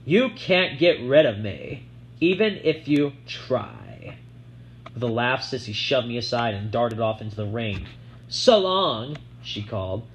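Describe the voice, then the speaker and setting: A man's voice: fairly low pitch, fairly even intonation, a little fast, hardly any pauses, a bit bright, slight background noise, close to an everyday voice. A man reading an audiobook, voicing a sly, show-off young girl who taunts in a sing-song way. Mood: taunting.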